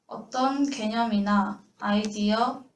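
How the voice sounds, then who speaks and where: A woman's voice: medium pitch, fairly even intonation, slow pace. A young female student from Daejeon, reading aloud in class, careful and a bit hesitant. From Daejeon, South Korea. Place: lecture room. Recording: echoey classroom, faint hiss.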